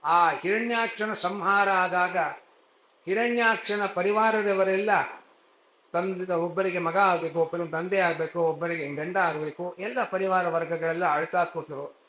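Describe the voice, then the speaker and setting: High-voiced man giving a religious discourse. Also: steady tone, unhurried, pushed and bright, echoey room, a little hiss or hum, rough recording. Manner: conversational storytelling with everyday asides. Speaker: spiritual discourse speaker.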